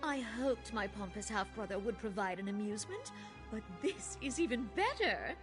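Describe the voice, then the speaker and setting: In a video game, an actress voices an imperious, power-hungry queen, sounding mocking and menacing. Her slightly high voice is sing-song at a moderate pace, with music playing in the background.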